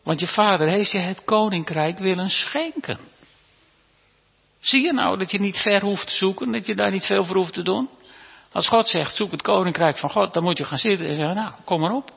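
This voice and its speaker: High, gravelly man preaching in a hall. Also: moderate pace. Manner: warm, conversational preaching with rhetorical questions to the congregation; stammering restarts. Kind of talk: sermon. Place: church hall. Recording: reverberant hall, dull lo-fi sound.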